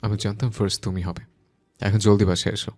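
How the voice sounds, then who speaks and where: A woman voicing a calm young man on the phone, with a deep, husky put-on voice and a flat, brisk way of talking. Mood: proud. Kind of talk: audiobook story reading.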